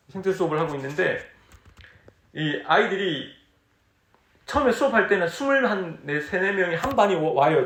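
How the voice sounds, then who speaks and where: A man's voice: high-pitched, reverberant. A man preaching at a church retreat in a conversational way, asking the audience questions and acting out his own dialogue as he tells stories. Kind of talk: sermon.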